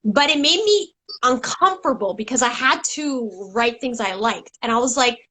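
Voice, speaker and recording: A woman's voice: a little high, expressive, moderate pace, bright, forceful tone. A middle-aged woman chatting as a guest, telling stories animatedly, laughing often and acting out quotes. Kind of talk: casual conversation.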